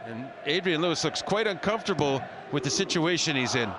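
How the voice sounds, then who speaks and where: A man's voice: a little high, animated, brisk. A man co-commentating live on darts, analysing the play. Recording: loud crowd and arena noise.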